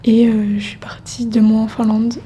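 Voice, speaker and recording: A nineteen-year-old woman answering informal interview questions in a soft, hushed voice, hesitantly searching for words. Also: a little high, little pitch movement, normal speed. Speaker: interviewee, early childhood education student. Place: public media library, indoors. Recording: faint noise in a quiet library.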